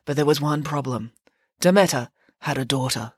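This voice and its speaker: A woman's voice: low-pitched, normal speed, husky, no echo, studio quality. A woman voicing a grand, vain, cake-loving female pig nanny who boasts in a theatrical way. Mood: grandly boastful.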